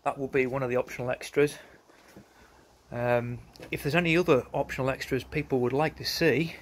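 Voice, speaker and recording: Outdoors in a concrete yard beside outbuildings, a man does a casual product walkaround, recording on a handheld phone from behind it. His manner is matter-of-fact with a touch of hesitation. The voice is medium and steady, brisk, with a little hiss or hum.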